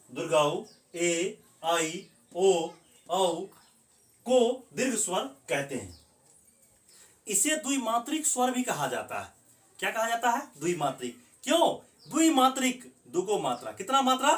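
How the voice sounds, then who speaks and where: A man's voice: high voice, a bit bright. A man teaching a grammar lesson, who asks the class questions and then answers them himself. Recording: echoey room, voice from a distance.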